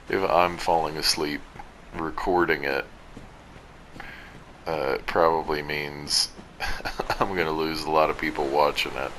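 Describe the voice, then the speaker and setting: A man's voice: rumbling low, flat delivery, takes it slowly, pauses often, fairly bright tone, a little hiss or hum. A tired, sleepy man giving rambling, self-deprecating commentary over his own gameplay recording. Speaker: gaming video commentator.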